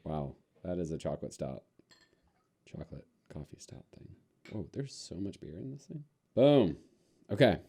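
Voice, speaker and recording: A man hosting a relaxed beer-tasting podcast, playful and quick to laugh. His voice is mellow, with a lively, wide-ranging pitch. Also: husky. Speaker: podcast co-host. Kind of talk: casual podcast chat.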